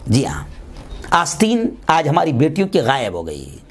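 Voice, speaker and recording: A man preaching an impassioned sermon, repeating his lines and rising to shouts as he exhorts his listeners. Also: a little high, wildly swooping pitch. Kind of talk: fiery sermon.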